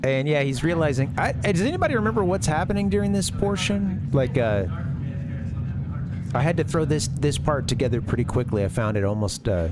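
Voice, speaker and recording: A man's voice: a little high, sing-song, fairly quick, noisy background. A man hosting a live stream, casually commenting on an old demo video, often restarting his sentences and chuckling. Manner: rambling, self-interrupting, chuckling. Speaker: streamer host.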